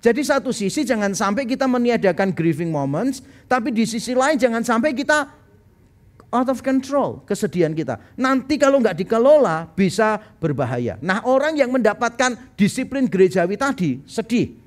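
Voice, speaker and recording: A man's voice: very high-pitched, animated, normal speed. A male pastor preaching a sermon at a live-streamed church service in a conversational style, sometimes acting out the people he quotes.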